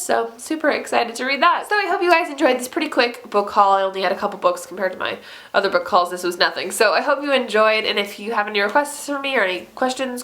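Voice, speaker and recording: A woman's voice: on the high side, fairly bright tone. A young woman in a casual book haul video, gushing with enthusiasm and using lots of fillers. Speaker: book vlogger.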